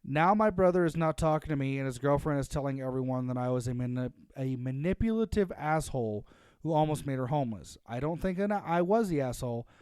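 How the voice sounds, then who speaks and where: A man's voice: medium pitch, lively intonation, brisk, a little mellow, clear, resonant tone, dry recording, clean studio sound. A man co-hosting a casual chat show, reading a story aloud and joking between lines. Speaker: podcast host reading stories.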